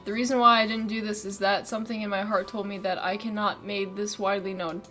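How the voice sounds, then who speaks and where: A woman's voice: medium pitch, level tone, fast, pushed and bright, faint music behind. A woman streamer reading a visual novel aloud, laughing and swearing between lines.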